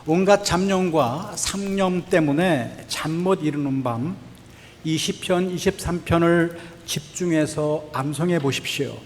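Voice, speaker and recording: A male pastor delivers a sermon with a fairly high voice, earnest and questioning, now and then slipping in a bit of light humor. His voice carries a long reverb, as if filling a large church sanctuary. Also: slight background noise. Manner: earnest, asks the congregation questions.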